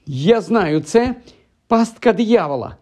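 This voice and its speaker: A man voicing an excitable, know-it-all schoolgirl in an audiobook, squealing high and flustered. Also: slow, exaggerated voice. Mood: shrill fussy.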